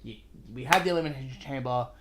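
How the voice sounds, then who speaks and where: A man's voice: mid-range voice, fast, over a noisy crowd. Blunt ranting Australian man. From Western Australia. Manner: blunt, ranting, swears freely. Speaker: podcast co-host. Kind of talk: casual podcast chat.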